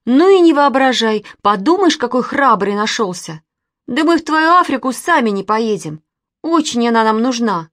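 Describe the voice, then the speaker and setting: A woman's voice: high-pitched, sing-song, slow pace, dry recording, clean studio sound, voice pushed up, full character voice. Woman playing a bossy teasing young girl. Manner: scolding, teasing. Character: bossy sharp-tongued young girl Katya.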